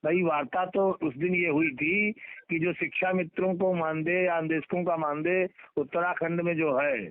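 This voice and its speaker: Over a muffled recorded phone line, a middle-aged man acting as a union leader speaks at normal speed with a slightly high, steady voice and no room sound. In the informal call he hammers home points by repeating words and phrases.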